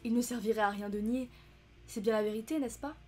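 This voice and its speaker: A woman's voice: fairly high pitch, brisk, faint music behind, lightly acted. A woman reading as a shrewd polite detective. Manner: calm, insistent questioning. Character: shrewd polite male detective, middle-aged.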